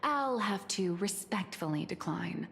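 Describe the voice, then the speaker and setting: A smug scheming Furbo boss. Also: female voice, medium pitch, lively intonation, unhurried, vocal fry, background noise. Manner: theatrical, self-satisfied. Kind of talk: game cutscene voice acting. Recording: reverberant with game music.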